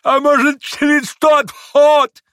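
A man voicing a shrill, frantic old father who shrieks and gasps in an audiobook. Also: level tone, slow pace, fairly bright tone, dry recording, studio quality, exaggerated voice. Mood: frantic shrieking. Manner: shrieking, breathless and wild. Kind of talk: audiobook character voice.

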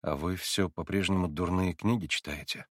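A man voicing a gentle, serious young monk in an audiobook reading, speaking quietly and gravely. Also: low-pitched, steady tone, moderate pace, dry recording, studio quality, voice pushed down. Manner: quiet, grave, few words.

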